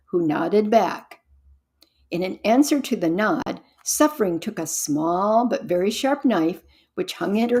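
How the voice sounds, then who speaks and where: A woman pastor reads a storybook aloud at an unhurried pace, stopping now and then for earnest reflective remarks. Her voice sits at an ordinary middle pitch. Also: a little mellow. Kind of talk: reading aloud with comments.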